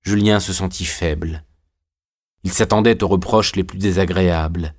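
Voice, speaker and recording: Man, audiobook narrator, low voice, measured, literary reading. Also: fairly even intonation. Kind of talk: scripted narration of a classic novel.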